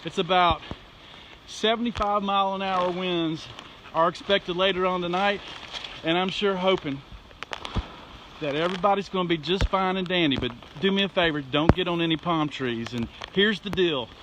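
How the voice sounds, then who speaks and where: Perched up a tree outdoors in wind and rain, a man with a notably high voice and a Southern US accent plays amateur weather reporter, addressing his viewers live in a folksy, excitable way at a moderate pace. Storm wind and rain surround him, and the recording picks up wind noise, clicks, and rumble.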